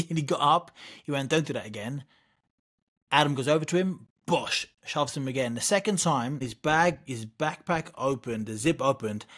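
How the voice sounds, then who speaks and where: Guy, kinda husky voice, telling stories all animated on a podcast. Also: medium pitch. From United Kingdom. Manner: vivid, animated anecdote-telling with laughs. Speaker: guest, former Olympic boxer. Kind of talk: casual interview storytelling.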